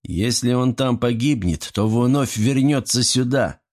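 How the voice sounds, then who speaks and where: A man voicing a stern, blunt young prince with a gruff, curt way of speaking. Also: medium pitch, unhurried, darkish tone, natural voice.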